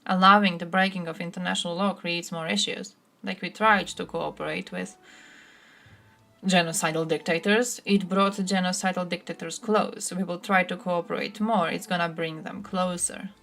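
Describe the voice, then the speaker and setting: A woman's voice: fairly low pitch, steady tone, normal speed, gravelly, a bit bright. A woman from Croatia streaming live, giving blunt, sarcastic political commentary and answering chat, swearing freely.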